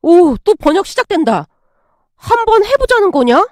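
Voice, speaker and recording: A woman gives voice to a gleeful sister-in-law who treats every word as great fun. Her voice sits high and bounces around. It is recorded close and dry. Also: normal speed, no room sound. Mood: amused excited. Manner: amused, teasing, excitable. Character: playful sister-in-law reading a dog translator. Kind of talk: storytelling with acted dialogue.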